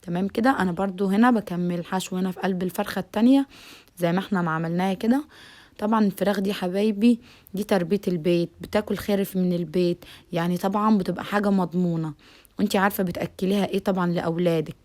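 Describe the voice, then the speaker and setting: A woman's voice: on the low side, steady tone, racing, a little mellow. A woman with an Egyptian Arabic accent hosting a home cooking tutorial, chatty and addressing viewers directly, often saying "okay". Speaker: cooking channel host.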